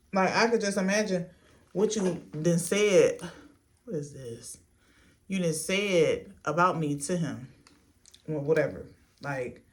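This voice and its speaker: Blunt, sassy woman telling a casual storytime. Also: lowish voice. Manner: blunt, sassy, heavy swearing; unhurried stop-and-start delivery while doing a get-ready-with-me. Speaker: storytime vlogger.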